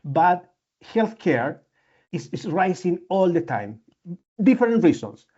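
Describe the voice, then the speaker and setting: This seminar speaker, a physician and medical imaging researcher whose first language is Spanish, talks over slides with earnest restarts and repeated words. His high-sitting voice swings widely in pitch and is slow, a little mellow and slightly rough, and the recording is dull and lo-fi.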